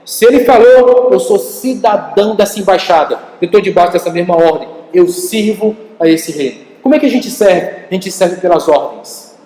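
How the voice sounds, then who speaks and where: Male pastor, Brazilian accent, high voice, animated sermon delivery, echoey church hall. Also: normal speed. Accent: Brazilian Portuguese. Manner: animated storytelling preacher, addresses congregation directly.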